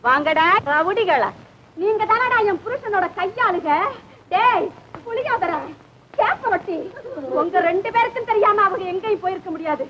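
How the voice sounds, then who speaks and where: A feisty village wife. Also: female voice, very high-pitched, lively intonation. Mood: scolding. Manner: bold, teasing, fast comebacks, shouts. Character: feisty newly married village wife, sharp-tongued. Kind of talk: 1970s film comedy dialogue. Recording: dull hissy old film soundtrack.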